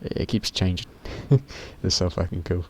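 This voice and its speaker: A teenage YouTuber with a very deep voice rambles casually to camera in a vlog at a moderate pace. He often cuts himself off mid-sentence and swears offhandedly.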